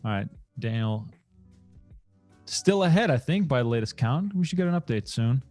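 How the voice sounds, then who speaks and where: A man's voice: medium pitch, expressive, normal speed, a little mellow, soft background music. A man co-hosting a poker stream, chatting casually with dry, teasing humor. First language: Dutch. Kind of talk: casual co-host banter.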